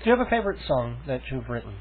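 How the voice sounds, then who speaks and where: A man interviewing a guest on the radio, chatty and quick with teasing jokes. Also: medium pitch, sing-song, a little hiss or hum. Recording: narrow phone-like radio sound.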